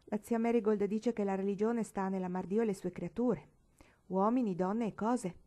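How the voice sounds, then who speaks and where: A woman's voice: mid-range voice, fairly even intonation, moderate pace, warm tone, lightly acted. A woman reading aloud, voicing an earnest, impulsive young girl. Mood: gentle.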